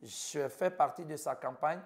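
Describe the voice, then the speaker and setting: With a fairly high pitch and an unhurried pace, a doctor in his fifties from Côte d'Ivoire shares an earnest personal account in an interview. He speaks with an Ivorian French accent and in short listed phrases.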